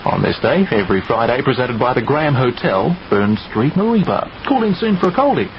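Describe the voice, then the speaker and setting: A man runs the early morning radio show, chatting between the time checks and flight departures. His voice swings up and down lively as he talks. It all comes out of a tinny clock radio with a loud hiss over it. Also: medium pitch, brisk. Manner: chatty, reading out times and flights. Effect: tinny sound, as heard through a clock radio. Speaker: radio announcer.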